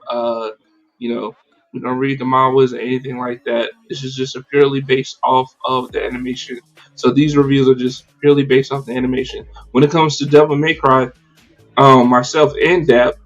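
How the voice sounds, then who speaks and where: A man hosting a casual livestreamed podcast, talking in an animated, slangy and profane way with many fillers. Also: medium pitch, lo-fi sound. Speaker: podcast host.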